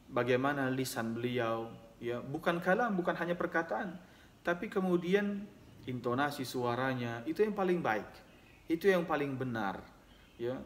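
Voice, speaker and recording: A man's voice: medium pitch, a little hiss or hum. A man giving a religious lesson, reciting Arabic hadith text and then explaining it at length, often adding "ya" between phrases. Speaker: Islamic teacher.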